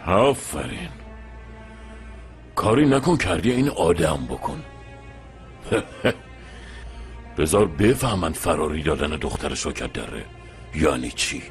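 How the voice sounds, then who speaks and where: A man's voice: a bass voice, very animated, vocal fry, pauses often, faint music behind, heavily acted. A man dubbing a scheming crime boss who gloats and gives orders in a TV drama. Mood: gloating. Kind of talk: dubbed TV drama.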